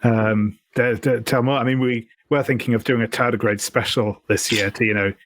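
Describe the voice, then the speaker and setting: A man's voice: medium pitch, fairly even intonation, normal speed, a bit bright, no echo, lightly acted. A man voicing an oblivious, mild-mannered park ranger who talks earnestly with hesitant stammers, in a tabletop role-play.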